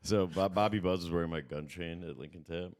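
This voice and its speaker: A man's voice: low voice, brisk, a little mellow, no room sound, clean studio sound. A man co-hosting a comedy podcast, rambling in casual chat and trailing off into mumbles. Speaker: podcast co-host. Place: podcast studio.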